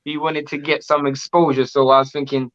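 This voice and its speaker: Man, boxing interview host, bright tense tone, restarts a lot, dull muffled audio. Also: a little high, little pitch movement, a little fast. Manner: rambling, enthusiastic questions with restarts. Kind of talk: casual interview.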